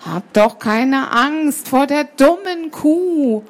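A woman's voice: sits high, lively intonation, slow, pitched above the performer's own voice. A woman reading a children's story aloud and voicing a sly, lying female cat who coaxes and meows. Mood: coaxing. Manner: coaxing, purring with meows. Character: sly sweet-talking female cat, a liar.

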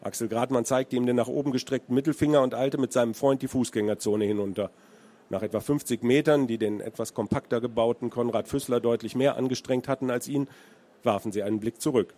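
A man's voice: medium pitch, fairly even intonation, fast talker, mellow. A man from Hesse, a crime author, reading from his novel and then answering questions with many hesitant fillers. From Hesse, Germany.

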